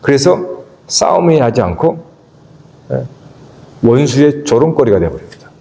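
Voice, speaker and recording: A man preaching a sermon as pastor of a church, asking the congregation questions and swinging between emphatic peaks and low, quiet stretches. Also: sing-song, measured pace. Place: church sanctuary. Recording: echoey church hall with long reverb.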